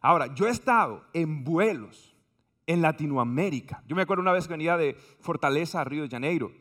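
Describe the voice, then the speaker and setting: A man preaching a humorous sermon, with a high voice and a bright, sharp edge. He tells stories in an animated way and acts out the voices of the people in them. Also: a little fast.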